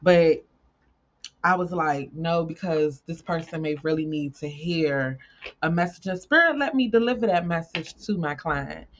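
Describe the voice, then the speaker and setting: A woman's voice: deep voice, moderate pace, lo-fi sound, slight background noise. A woman tarot reader chatting casually to her viewers, repeating herself and swearing freely.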